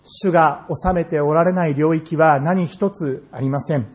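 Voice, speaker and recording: A male pastor delivers a sermon in an earnest, measured way. His voice sits a little high for a man, and he leans into slow, emphatic phrases. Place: church sanctuary.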